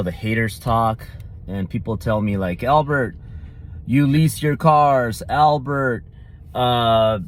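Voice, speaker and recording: This is a Mexican-accented vlogger and entrepreneur in his thirties, a native Spanish speaker, bragging casually with plenty of swagger, cursing, and repetition. He speaks at a medium pitch. There's a little hiss or hum on the recording.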